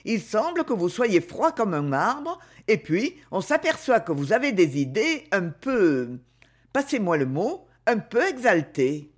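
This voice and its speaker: Man voicing a haughty young lady, mocking, higher voice, lively tone, storybook. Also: measured pace, heavily acted. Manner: mocking, sharp.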